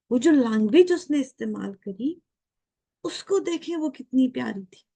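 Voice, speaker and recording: An older woman in her late fifties speaks as a guest with an earnest, reflective manner. Her voice is warm and mellow and sits somewhat high. She keeps turning to the viewers with questions and slips English phrases into her talk. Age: 50s.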